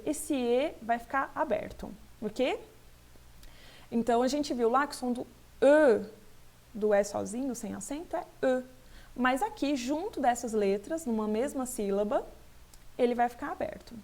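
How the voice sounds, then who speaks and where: A woman's voice: fairly high pitch, darkish tone. Patient woman teaching pronunciation. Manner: patient, repeats each word slowly and checks understanding. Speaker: French teacher. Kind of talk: French pronunciation lesson.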